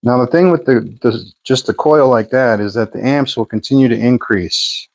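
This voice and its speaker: The host of a pulse motor channel runs a phone live stream from a home workshop, narrating his tinkering with meter readings and chatty side comments. He has a mid-range voice at a moderate pace, recorded roughly and without room sound.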